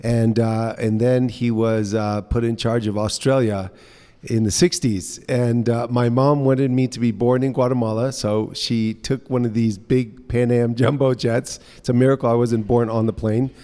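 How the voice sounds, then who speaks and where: A man in his fifties, raised in the United States, telling stories in a relaxed, chatty way as a guest in an interview in a co-working space. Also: medium pitch, moderate pace, big-room sound. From United States (grew up in New Orleans). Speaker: guest, entrepreneur. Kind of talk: casual interview conversation.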